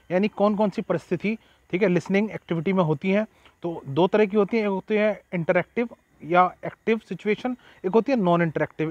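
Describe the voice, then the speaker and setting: High-voiced teacher explaining exam notes. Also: male voice, lo-fi sound. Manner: reads English notes slowly, then explains in Hindi with frequent "ठीक है". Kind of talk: exam-prep lecture.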